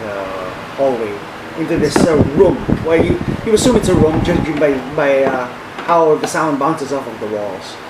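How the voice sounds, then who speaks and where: A man improvising narration as game master of a tabletop game, halting often as he searches for words. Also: a little high, very animated. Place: echoey room. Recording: roomy, distant mic, loud background hum.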